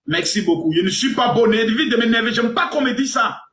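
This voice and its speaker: A man in his forties hosting a live stream, crude and teasing, with mock indignation that swings between loud outbursts and low mutters. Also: expressive, fairly quick, echoey room. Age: 40s. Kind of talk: provocative live stream banter.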